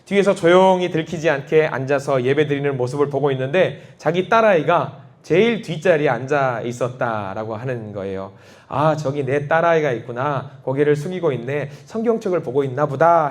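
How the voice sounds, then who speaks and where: A man preaching a sermon as a church pastor, telling a story and acting out the quoted voices with big swings of pitch. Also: animated, brisk. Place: church sanctuary.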